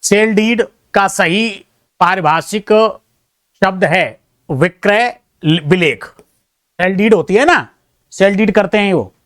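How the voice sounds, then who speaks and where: A man with a somewhat higher voice works through exam questions, reading each option aloud and then giving his verdict. He drops in modest, chatty remarks to his students between answers. The sound is dry and close, with almost no room in it. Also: takes it slowly, long pauses, fairly bright tone, no room sound. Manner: self-deprecating, chatty asides to students. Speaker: teacher. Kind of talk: exam answer-key walkthrough.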